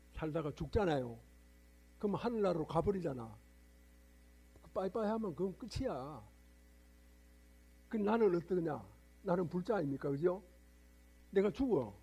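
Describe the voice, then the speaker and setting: An older Buddhist monk delivers a sermon in a temple hall, lecturing his congregation and prodding them with rhetorical questions. His voice sits fairly high for a man, with a husky, breathy edge and a dark, mellow tone. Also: dull audio.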